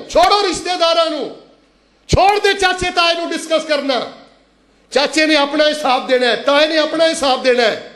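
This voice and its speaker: A man's voice: very high-pitched, fairly bright tone, roomy sound. A man preaching a Friday sermon, calling on the congregation to repeat after him and chanting verses in a sweeping, rising and falling voice.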